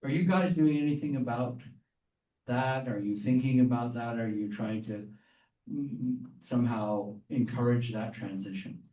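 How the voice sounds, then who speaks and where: Older male meeting attendee, heard over a group video call, hesitant and measured, roomy echoey sound. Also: mid-range voice, steady tone, dark tone. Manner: measured, hesitant, with frequent ums. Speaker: community member asking a question. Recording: distant, echoey call audio.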